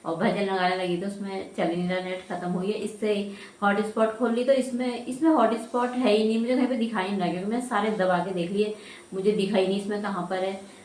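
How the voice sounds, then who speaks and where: Woman, thirties, casual home vlog, chatty, rambling, laughs often, warm mellow tone. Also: mid-range voice, flat delivery, a little fast, slight background noise. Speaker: vlogger. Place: home, rooms and rooftop.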